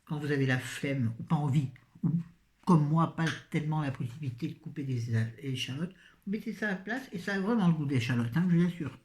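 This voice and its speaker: A woman's voice: deep voice, brisk, a little mellow, a little hiss or hum. Tired, rambling woman in an echoey room. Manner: scattered, rambling, self-mocking. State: tired, voice fading. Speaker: vlogger. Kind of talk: casual shopping haul chat. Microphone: phone.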